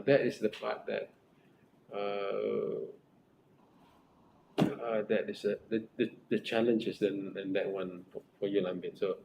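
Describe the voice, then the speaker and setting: A middle-aged man with a Malaysian accent advises a research student as his academic supervisor, speaking earnestly and repetitively. His voice is lowish and dark with vocal fry, and he keeps restarting phrases and tacking on "right?". The room is echoey, with faint noise.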